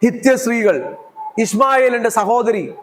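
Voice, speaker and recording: A Malayali man preaching a sermon in a fairly high voice. He hammers points home by repeating his phrases and keeps asking the congregation questions. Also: a little slow, fairly bright tone, poor audio. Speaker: pastor.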